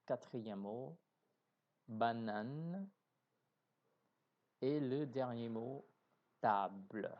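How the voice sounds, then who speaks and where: A male teacher speaking at an extremely slow, deliberate pace, stretching out each example word so beginners can catch it. He often stops to correct his own wording. His voice is a mid-range pitch, and the recording is dull and somewhat lo-fi. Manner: slow, deliberate, carefully articulating words; corrects himself mid-sentence. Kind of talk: beginner French lesson.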